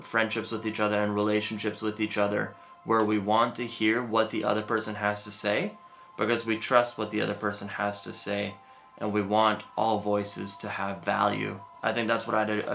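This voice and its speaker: A band member speaking deliberately in an interview, restarting phrases as he goes. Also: fairly low pitch, vocal fry, fairly bright tone. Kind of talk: reflective interview answer.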